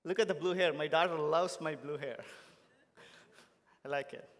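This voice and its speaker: A man's voice: a little high, fairly even intonation, measured pace, a bit bright. A man giving a keynote podium speech, addressing an audience in short, emphatic, separated phrases. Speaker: company technology chief giving a keynote. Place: large conference hall stage. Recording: long hall reverb from stage PA.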